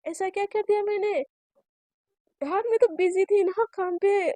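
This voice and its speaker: A woman voicing a shrill, pleading lovesick young woman. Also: fairly even intonation, measured pace, dark tone, no room sound. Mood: exasperated. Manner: pleading, exasperated, coaxing.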